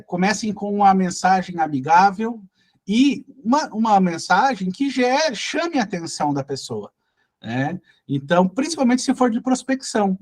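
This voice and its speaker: A man with a Brazilian Portuguese accent giving a sales training lesson, talking straight to his learners and tagging his sentences with quick checks. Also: sits high. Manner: peppers speech with tag questions; coaching, direct address to learners.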